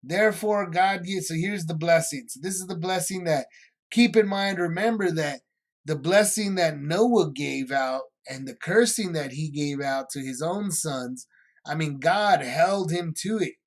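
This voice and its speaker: Male Bible study teacher, a bit high-voiced, casual and rambling. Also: a little slow. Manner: loose, rambling retelling with many asides.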